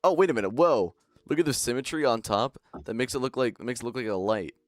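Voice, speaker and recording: A man's voice: medium pitch, fast talker, no echo. A young man streaming a game and chatting casually, laughing often and rambling between jokes. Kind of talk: casual chat while gaming.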